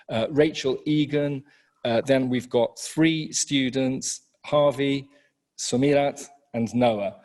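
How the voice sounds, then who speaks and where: A man who heads a university college, giving a measured welcome address from a senate chamber with frequent ums and restarts. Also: mid-range voice, darkish tone. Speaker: head of college, webinar host.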